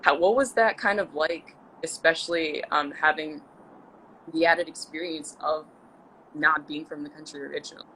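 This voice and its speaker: Chatty young woman hosting, bright voice. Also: deep voice, fairly even intonation, moderate pace, slight background noise, low-quality recording. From Central Maryland, USA. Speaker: host. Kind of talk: casual live video interview.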